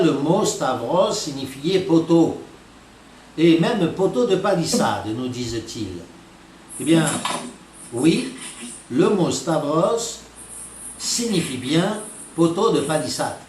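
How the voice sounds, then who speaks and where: Slow, emphatic man preaching in an echoey room. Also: a little high. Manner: slow, emphatic, with rhetorical questions. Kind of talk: teaching talk on scripture. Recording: echoey, from a distance, faint noise.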